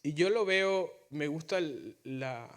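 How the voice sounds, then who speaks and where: A man's voice: a little high, lively intonation, slow. A male pastor preaching a sermon in Spanish. He is earnest and often repeats words or restarts as he builds his points.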